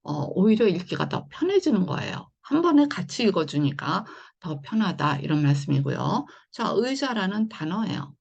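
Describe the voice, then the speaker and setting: Gravelly-voiced woman teaching phonics. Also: medium pitch, sing-song, moderate pace, hardly any pauses, darkish tone, muffled recording. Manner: patient, repetitive explaining with frequent "자" and "네". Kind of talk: online phonics lesson.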